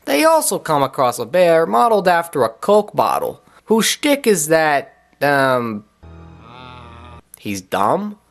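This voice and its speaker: Sarcastic male reviewer, lively swinging delivery, comedic commentary. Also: a little high, slow pace, gravelly, soft background music. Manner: sarcastic, wisecracking. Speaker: cartoon reviewer.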